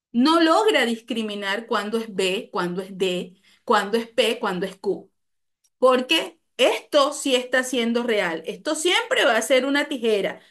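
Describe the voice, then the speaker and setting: A woman's voice: a little high, fairly bright tone. A woman with a Venezuelan accent giving a live online talk, explaining patiently, repeating key phrases and asking her audience questions.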